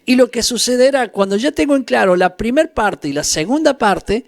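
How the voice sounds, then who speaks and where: A man's voice: extremely high pitch, expressive, moderate pace, gravelly. A man with an Argentine Spanish accent preaching a sermon as a pastor, emphatic and full of rhetorical questions put to his listeners. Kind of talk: sermon, Bible teaching.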